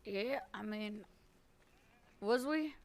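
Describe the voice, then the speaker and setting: A woman's voice: mid-range voice, very slow, vocal fry, darkish tone, slight background noise. A woman in an in-character western role-play, talking in a brash, teasing way with folksy, ungrammatical speech.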